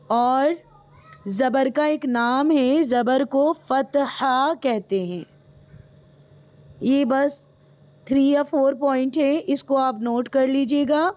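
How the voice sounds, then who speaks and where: A woman's voice: sits high, a little mellow, lo-fi sound. A woman teaching in a live online class, patiently explaining and repeating each point, then quizzing her students. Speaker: Quran reading teacher.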